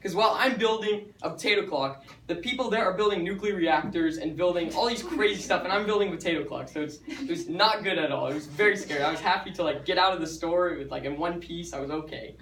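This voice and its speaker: A young man with a slightly high voice gives a chatty student talk, joking his way through it and stumbling over his words now and then. He sounds set back from the microphone. The echo of a large hall hangs around every word. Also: fast talker, few pauses, a bit bright, a little hiss or hum. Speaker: student speaker. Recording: echoey hall, mic far off.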